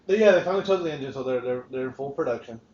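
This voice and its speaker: A man's voice: medium pitch, lively intonation, racing, a little mellow. A man hosting a casual podcast chat, rambling and swearing freely with frequent restarts. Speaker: podcast host. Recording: roomy, dull lo-fi podcast recording.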